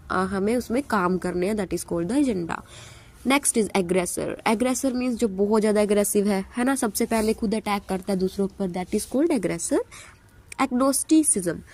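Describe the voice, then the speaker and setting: A young woman teaching English vocabulary for exams, mixing Hindi and English and asking questions as she explains. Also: mid-range voice. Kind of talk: exam-prep vocabulary lesson.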